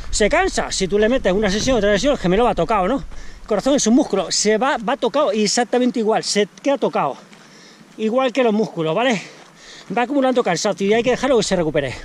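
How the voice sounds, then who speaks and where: A man's voice: sits high, slight background noise. A man from Spain, a trail running coach, explaining things step by step in a casual, colloquial way and often checking in with his listeners. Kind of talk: casual instructional talk to camera.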